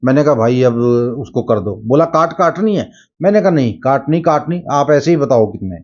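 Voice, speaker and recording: Middle-aged male storyteller, chatty retold dialogue, warm tone, muffled home recording. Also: medium pitch, animated, brisk. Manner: retells dialogue, many filler phrases. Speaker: dream-telling video host. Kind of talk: casual spoken storytelling. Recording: dull lo-fi sound.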